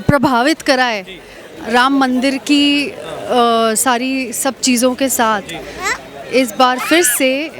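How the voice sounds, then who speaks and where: A woman answering a street interview confidently, switching into English at times. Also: sits high. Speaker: passer-by interviewee.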